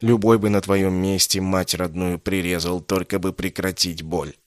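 Male reader doing a proud, manipulative mage; low, dry, imperious. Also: level tone, moderate pace, dry recording, close to an everyday voice. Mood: persuasive. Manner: imperious, coaxing, then clipped and cold. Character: haughty scheming male mage, cold and manipulative. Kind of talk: audiobook character reading.

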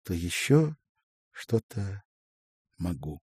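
A man voicing a young woman who is a new factory worker, emotional and eager, in a raised breathy voice. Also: sits low, sing-song, takes it slowly, darkish tone, dry recording, clean studio sound, exaggerated voice. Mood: tearful.

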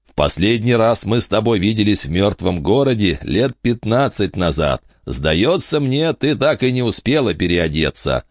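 A man's voice: lowish voice, sing-song, normal speed, few pauses, dry recording, studio quality, pitched above the performer's own voice. A man voicing a cheerful, fond male dwarf with a laughing manner in a storybook reading. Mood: kindly. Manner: warm and laughing.

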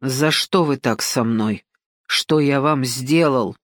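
A nervous, bewildered young cook voiced by a woman narrator speaks hesitantly and with unease. His slow delivery comes through a dry, close audiobook recording. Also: rumbling low, dry recording, pitched below the performer's own voice, exaggerated voice. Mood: anxious. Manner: hesitant, anxious.

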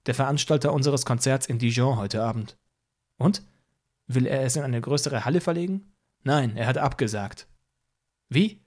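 A man's voice: medium pitch, normal speed, long pauses, darkish tone, lightly acted. A man voicing a blunt, defiant young male musician in an audiobook. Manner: blunt, matter-of-fact. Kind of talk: audiobook character voice.

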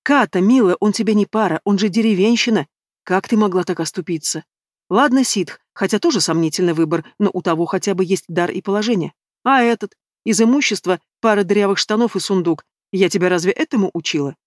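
A woman's voice: medium pitch, brisk, dry recording, studio quality, lightly acted. A woman doing a haughty snobbish young woman. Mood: disdainful. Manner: haughty, disdainful.

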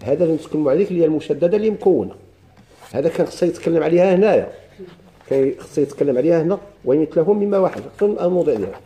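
A man's voice: fairly high pitch, lively intonation, rapid-fire, warm tone. A man with a Moroccan accent teaching a grammar lesson, explaining step by step and quizzing his students with questions.

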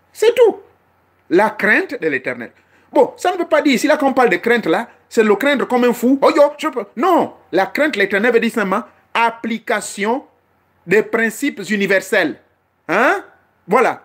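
A man's voice: very high-pitched, fairly bright tone. A middle-aged man giving a preaching-style spiritual teaching, emphatic and constantly checking in with his listeners through rhetorical questions. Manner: emphatic, asks the audience frequent rhetorical questions.

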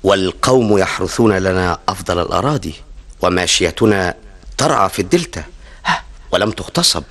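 A man's voice: low-pitched, animated, a bit bright. An actor playing a complacent army commander cautiously addressing his king in a classical Arabic radio drama. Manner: measured, cautious.

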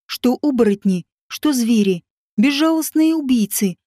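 A woman narrating a fantasy story in an even, dramatic reading style. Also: fairly high pitch, unhurried, no room sound, clean studio sound. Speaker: audiobook narrator. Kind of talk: scripted narration.

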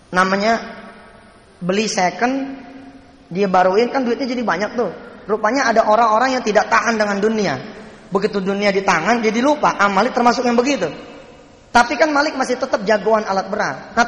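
A man with a Jakarta Betawi accent preaches in a storytelling sermon. His voice sits fairly high and swings between loud, high exclamations and soft asides. A long, roomy hall reverb trails after him. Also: lo-fi sound.

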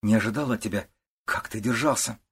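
Male narrator as a timid young mother, quiet and pleading, husky. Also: lowish voice, fairly quick. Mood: admiring. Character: young gentle wife and mother.

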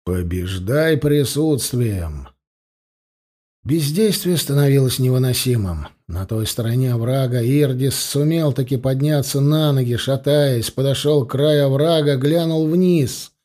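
A man narrating a fantasy audiobook in a measured, dramatic reading. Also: mid-range voice, warm tone.

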